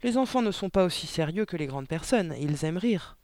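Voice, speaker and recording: A man voicing a clever, polite little girl pupil in an audiobook, earnest and matter-of-fact, raising his pitch for her. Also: expressive, brisk, a little mellow, no echo, clean studio sound. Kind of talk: audiobook character voice.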